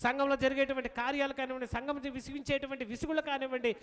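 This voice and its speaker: High-voiced animated preacher man. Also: rapid-fire, clear, resonant tone. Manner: animated, acts out pleading quotes. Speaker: pastor. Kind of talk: sermon. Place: church.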